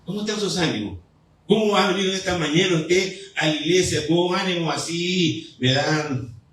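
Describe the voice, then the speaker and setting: A man preaching a fervent sermon as pastor, with pauses and repeated appeals to the congregation. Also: sits high, a bit bright, slight background noise. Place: church sanctuary. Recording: echoey church hall, mic at a distance.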